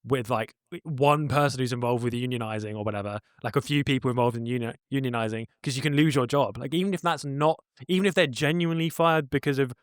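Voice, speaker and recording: Brief: man co-host, earnest and rambly, mid pitch, dry sound. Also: fast talker, hardly any pauses, no echo. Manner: earnest, rambling, many restarts. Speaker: podcast co-host. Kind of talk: casual chat.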